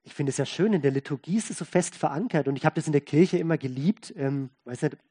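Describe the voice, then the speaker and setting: Talking fast in a slightly rough, mid-range voice, a pastor delivers a folksy, conversational sermon. He leans hard on key words and repeats them, moving back and forth between loud emphasis and quiet asides.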